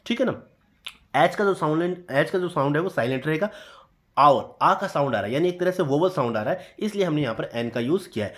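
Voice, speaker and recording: Man teaching grammar, slow and repetitive. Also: a little high. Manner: slow deliberate reading of example sentences, repeating key points. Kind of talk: explanatory classroom lesson.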